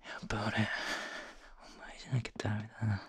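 A man playing an adoring, teasing young boyfriend in whispered role-play pillow talk, murmuring casually and intimately with a husky, breathy voice into a close binaural microphone. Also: lowish voice, monotone, fast, close to an everyday voice. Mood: adoring, sensual.

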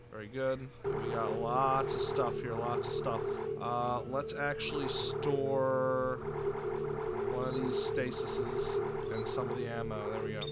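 A man hosting a let's play, commentating with excitable, joking, swear-filled chatter. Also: medium pitch. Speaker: gaming channel host. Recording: loud game noise behind. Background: game sounds.

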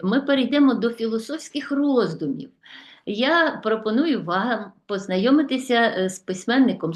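Lively-voiced woman teaching a lesson. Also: on the high side, reverberant. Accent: Ukrainian. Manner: warm, addresses pupils as children, slow deliberate listing. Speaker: Ukrainian language teacher. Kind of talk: video lesson for schoolchildren.

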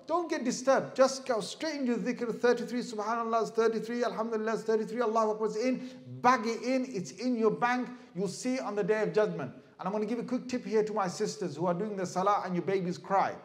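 A middle-aged man giving a lively sermon as an Islamic preacher, asking the audience questions and acting out crying babies. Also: high voice. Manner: animated, asks the crowd questions, mimics crying babies.

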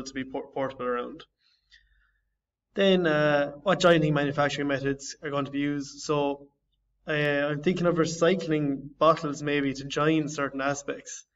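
A young man walks through his design project in a halting way, stopping and restarting mid-phrase. His voice sits a little high. The audio is dull and lo-fi, and he sounds a bit far from the mic. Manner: halting, searching for words, frequent restarts. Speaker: design student. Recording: slightly distant, dull lo-fi audio.

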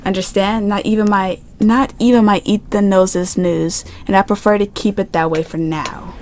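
A woman voicing an older female media boss in a story game, speaking in a brisk, commanding way, lower and quieter than her own voice. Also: fairly even intonation, natural voice.

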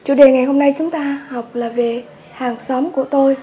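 High-voiced Vietnamese woman teacher. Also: fairly even intonation. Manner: patient, repeats words slowly for students. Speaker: English teacher. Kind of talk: workbook lesson walkthrough.

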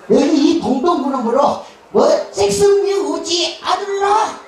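On an outdoor festival stage, a pumba street performer and emcee with a Jeolla Korean accent trades crude, teasing banter with the crowd, laughing through lines and bursting into shouts. His voice is very high, and the clip, filmed from far off, has echoey loudspeaker sound and crowd noise.

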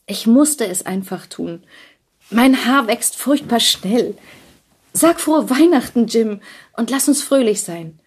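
A woman's voice: on the high side, lively intonation, slow pace, slightly rough, pitched above the performer's own voice, heavily acted. A woman voicing an anxious young wife who pleads eagerly and breathlessly in an audiobook reading. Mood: pleading. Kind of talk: audiobook character voice.

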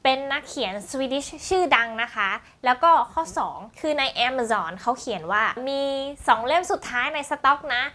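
A woman's voice: high-pitched, expressive, moderate pace, few pauses, pushed and bright. A woman book vlogger chatting casually and playfully as she sums up plots. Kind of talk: casual book review chat.

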